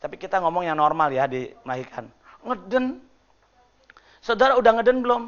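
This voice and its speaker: Guy pastor preaching, jokey with the crowd, high pitched, kinda muffled lo-fi recording. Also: a little fast. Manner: lively, joking with the congregation, acts out groaning voices. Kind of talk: sermon. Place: church hall.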